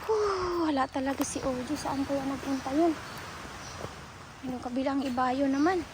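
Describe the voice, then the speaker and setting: A woman's voice: sits high, normal speed. A woman vlogging outdoors by the sea, chatty and playful. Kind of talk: casual outdoor vlog. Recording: loud waves and outdoor noise. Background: sea waves.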